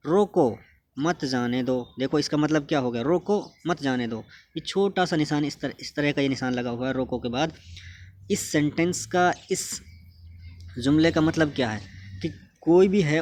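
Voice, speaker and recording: A man's voice: fairly high pitch, darkish tone. A man teaching a grammar lesson, patiently asking questions and answering them himself. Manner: patient, asks and answers his own questions.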